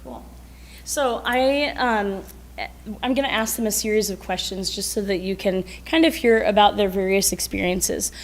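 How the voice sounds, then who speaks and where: A woman's voice: mid-range voice, moderate pace. A woman teacher presenting at a school board meeting, encouraging children as she puts questions to them. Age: adult.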